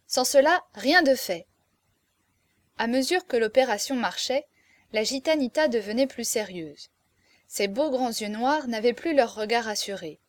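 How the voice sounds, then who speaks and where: A woman reading a classic novel aloud as narrator, in a measured, expressive storytelling manner. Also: fairly high pitch, no echo. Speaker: audiobook narrator.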